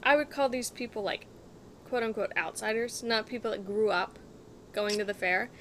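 A woman's voice: a little high, moderate pace, fairly bright tone, rough recording. A young woman co-hosting a casual podcast in a laid-back way, sometimes talking while eating. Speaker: podcast co-host. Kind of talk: casual chat. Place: outdoors near passing traffic. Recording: faint outdoor background noise.

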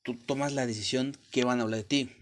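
A man's voice: medium pitch, fairly even intonation, fairly quick, a little hiss or hum. A young Mexican man with a Mexican accent hosting a podcast, giving a blunt, profane motivational talk straight to the listener. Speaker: podcast host. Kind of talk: motivational monologue.

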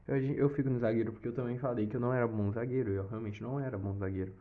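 A young man with a Brazilian accent recounts a personal story in casual, lively chat. His voice sits at an ordinary middle pitch, punctuated with sound effects and curses. The recording is slightly dull and lo-fi. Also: rapid-fire. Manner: animated, with swearing and sound effects. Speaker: vlogger telling a personal story.

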